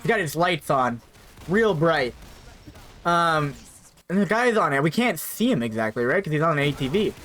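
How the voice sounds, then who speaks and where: A young man with a fairly high voice recounts a personal story in a casual storytime manner. He rambles, repeats himself and tags his sentences with "right?" asides. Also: big pitch swings, moderate pace, a bit bright.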